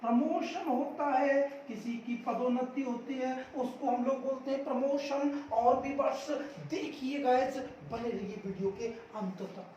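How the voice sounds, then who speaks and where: A man's voice: very high voice, fairly even intonation, a little slow, few pauses, darkish tone, muffled recording. A man teaching English pronunciation, repeating each word and quizzing the viewer before giving the answer. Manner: drills by asking and answering, repeats words emphatically. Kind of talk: spoken-English lesson. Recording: echoey room, mic at a distance, faint noise.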